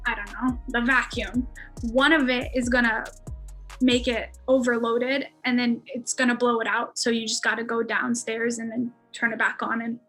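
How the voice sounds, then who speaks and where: A woman's voice: on the high side, little pitch movement, normal speed, a bit bright, faint music behind. A young American woman in her twenties, a podcast guest telling a story in a casual, chatty way with lots of fillers and frequent laughs. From United States.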